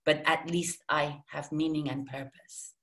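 Woman guest from Iran, lower register, animated, chatty. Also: unhurried. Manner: animated, self-deprecating, many restarts. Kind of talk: casual interview talk.

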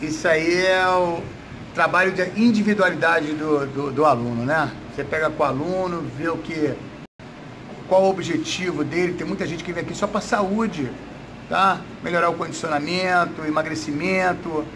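A Brazilian jiu-jitsu coach in his fifties gives casual interview answers indoors in a gym room. His voice is a little high and his speed normal, with noticeable background noise.

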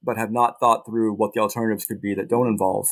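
A middle-aged man, a journalist guest in a casual interview, talking in halting bursts with many restarts and dry asides. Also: fairly low pitch, little pitch movement.

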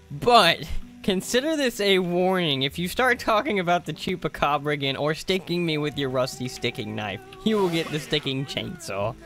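A man's voice: fairly high pitch, a bit bright. A young man streaming a video game live, chatting, laughing and joking with viewers. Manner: chatty, laughing, jokey asides. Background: game music.

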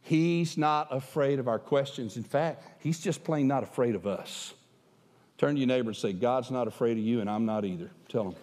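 An older man preaching a sermon on a large church stage, emphatic and animated, moving around as he speaks. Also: mid-range voice, normal speed. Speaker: pastor. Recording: long hall reverb.

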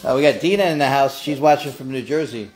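A man's voice: medium pitch, fast talker, a little hiss or hum. A man co-hosting a home cooking stream, casually reading out viewer names and where they are watching from. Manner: casual, reads names off a list. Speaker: co-host reading viewer comments. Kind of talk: live-stream chat. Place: home kitchen.

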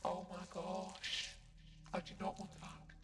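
High-voiced scared man streaming horror games, roomy sound. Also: monotone, unhurried, fairly bright tone. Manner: scared, exclaiming, stammering. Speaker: game streamer. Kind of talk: horror game playthrough commentary. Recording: roomy, reverberant, far from mic.

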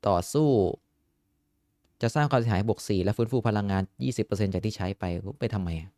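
A young man giving casual gameplay commentary, excitable and swearing often, with frequent exclamations. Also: fairly low pitch, quick pace, no echo, clean studio sound. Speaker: gaming YouTuber.

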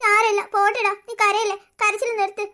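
A voice actor doing a gentle cartoon big sister. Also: very high voice, level tone, brisk. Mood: soothing. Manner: soothing, coaxing. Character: caring older sister girl, gentle and coaxing.

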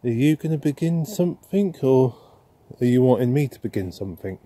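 A man hosting a ghost-hunting vlog outdoors in a churchyard, talking softly to spirits and musing aloud with questions. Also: medium pitch, animated, fairly quick, no echo. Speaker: paranormal investigator host.

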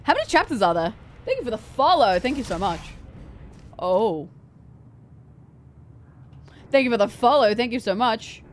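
A woman's voice: fairly high pitch, very animated, normal speed, long pauses, a little hiss or hum. A woman livestreaming a game in a cute, bubbly anime-streamer way, chatting casually and repeating phrases to herself.

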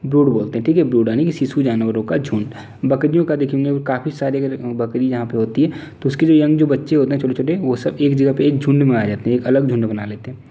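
A man with an Indian accent teaching an exam-prep vocabulary lesson. He reads English definitions out slowly, then explains them in Hindi and keeps checking in with "theek hai". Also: mid-range voice, warm tone.

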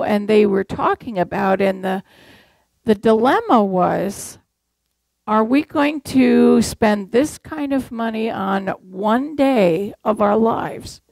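Preaching in church, an older Massachusetts woman weaves stories and rhetorical questions into a conversational sermon. Her pitch is fairly high, her voice gravelly and darkish, and there's no room sound.

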